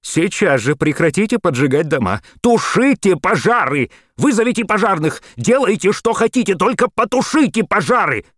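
A self-important mayor puffs up and squeaks when cornered, as a male reader acts him out. His voice jumps high and swings widely. The reading is dry and close to the mic. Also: big pitch swings, measured pace, gravelly, darkish tone, no room sound. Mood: shouting. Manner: pompous, then shrill when rattled. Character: pompous, flustered male city mayor.

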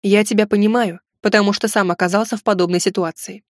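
Woman reading a confident young male lecturer, slow calm mocking delivery, audiobook novel, dry close recording. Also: medium pitch, no room sound, natural voice. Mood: calm teasing.

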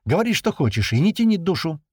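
An irritable middle-aged man in a spoken novel, voiced by its male reader. The voice is husky and close, climbing with exasperation and lively in pitch. He snaps, argues and begs by turns. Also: fairly quick, no room sound. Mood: irritated. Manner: irritable, exasperated, raises his voice.

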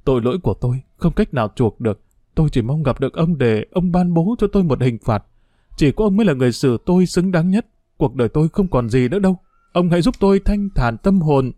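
A man's voice: a little high, lively intonation, fast, mellow, no room sound. A man playing a remorseful criminal tycoon. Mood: pleading remorse. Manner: pleading, broken. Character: guilt-ridden male criminal tycoon, pleading.

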